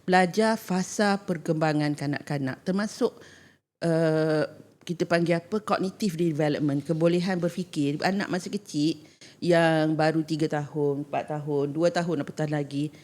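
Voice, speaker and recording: A woman's voice: low-pitched, moderate pace, darkish tone. Middle-aged Malaysian woman giving parenting advice. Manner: code-switches into English, acts out parent-child dialogue. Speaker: parenting expert guest. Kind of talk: casual podcast advice.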